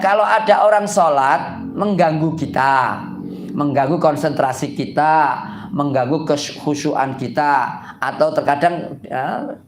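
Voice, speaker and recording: Heard with reverb, an Islamic preacher whose voice runs on the high side delivers a relaxed, folksy religious talk. He frequently cracks jokes, puts questions to listeners, and keeps saying "gitu kan."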